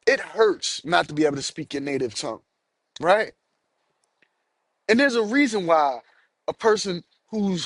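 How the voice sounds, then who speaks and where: A podcast host from the US, an adult man with children, goes on an angry, profane solo rant, circling back to the same points. His voice is high, and there's no room sound.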